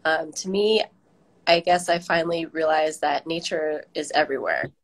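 A middle-aged woman from Southern California, a garden director with an American accent, answers interview questions reflectively over a video call from a room at home. Her voice sits low at a moderate pace, and the recording is rough, with the device held at arm's length.

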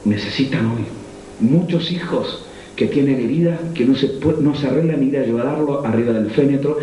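A middle-aged man with a Rioplatense Spanish accent preaching a sermon, swinging between high fervent cries and low intimate tones. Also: normal speed, warm tone. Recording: echoey room, faint ambient noise.

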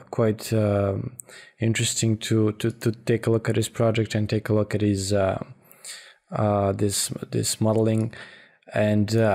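Low, even-toned man, halting delivery. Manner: halting, hesitant, repeats words. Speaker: tutorial instructor. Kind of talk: informal software tutorial narration. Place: voice-over for a screen recording.

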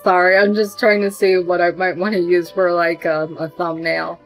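A woman's voice: on the low side, flat delivery, normal speed, rough recording. A woman streamer reading visual novel narration aloud in first person, with casual asides to viewers. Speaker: game streamer. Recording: faint game music behind.

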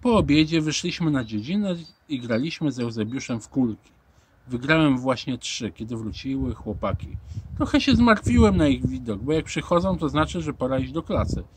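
Animated male storybook narrator. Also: mid-range voice, moderate pace, a little hiss or hum. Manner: expressive, animated. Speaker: audiobook reader.

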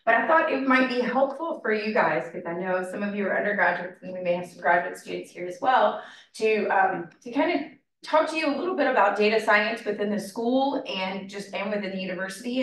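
A hoarse woman, her voice half gone, talks through a presentation in a chatty, filler-heavy way. She is heard from well back in a very echoey classroom, the sound bouncing off the walls. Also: mid-range voice, fairly bright tone. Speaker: program director presenting. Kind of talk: informal presentation. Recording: echoey room from far off.

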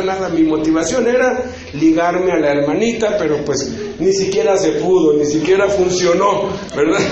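A man, telling a testimony in a conference sermon in a chatty, storytelling way full of tag questions. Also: sits high. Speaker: preacher. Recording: very echoey hall, slightly dull sound.

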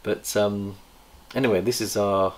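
A middle-aged man hosts a chatty snake-breeding vlog from an indoor reptile room, showing things off casually to a camera across the table. His voice is fairly low, a little mellow, and fairly even in intonation. He's enthusiastic and talkative, pausing now and then to recall details.

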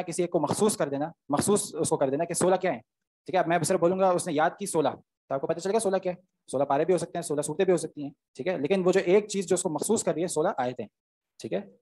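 A man's voice: on the high side, darkish tone. A man, teaching Arabic grammar in an online class, explaining step by step and often checking "okay?" with his students.

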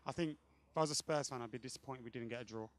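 A young man talking outdoors into a handheld mic held by an interviewer. His voice sits at an ordinary middle pitch, and he speaks in a blunt, cheeky, opinionated way. It sounds like a casual chat. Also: very fast. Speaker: guest football fan pundit. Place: outdoor car park by a stadium. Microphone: handheld microphone held by interviewer.

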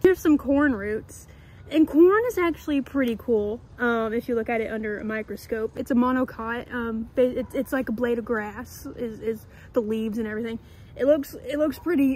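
High-voiced young woman rambling in her garden. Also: normal speed, a little mellow, husky, low-quality recording. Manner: rambling, jokey and self-mocking, talking to the camera while gardening. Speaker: vlogger. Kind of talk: casual chat. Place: outdoors in a backyard garden.

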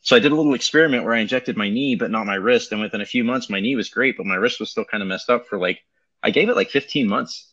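A man's voice: fairly low pitch, fast, a bit bright. Man on a tinny Bluetooth mic. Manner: loose, rambling, lots of ums. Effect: tinny Bluetooth mic sound. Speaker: crypto market commentator. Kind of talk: casual livestream chart talk. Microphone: Bluetooth headset.

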